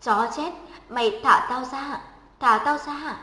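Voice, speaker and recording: A woman's voice: high voice, unhurried. A woman voicing a frightened but defiant schoolgirl who stammers and cries out. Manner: stammering, crying out. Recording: echoey room with long reverb.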